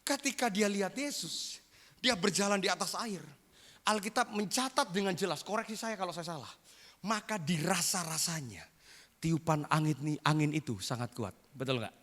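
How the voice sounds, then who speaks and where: A man preaching a sermon as pastor, animated, acting out quotes and rising to loud bursts. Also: high voice, moderate pace. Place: church hall. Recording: long reverb of a church hall.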